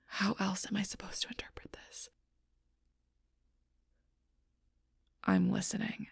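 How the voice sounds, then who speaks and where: In an audio roleplay, a woman plays a wounded, fiercely protective she-werewolf, speaking directly to the listener with bitter, confrontational intensity and frequent swearing, often sinking to a near-whisper. Her lowish voice is husky, breathy, rough-edged and full of fry, deliberately exaggerated, at a normal pace with a wounded, subdued mood. The recording is very dry and close, with no echo.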